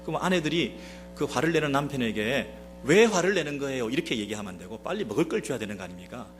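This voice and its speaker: Lively Korean pastor preaching a sermon. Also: male voice, mid-range voice, quick pace, soft background music. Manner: animated preaching with rhetorical questions to the congregation. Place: church sanctuary.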